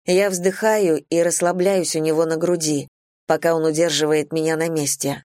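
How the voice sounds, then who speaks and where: A woman narrating a first-person romance audiobook in an even, intimate, low-key reading. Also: normal speed, no room sound, studio quality.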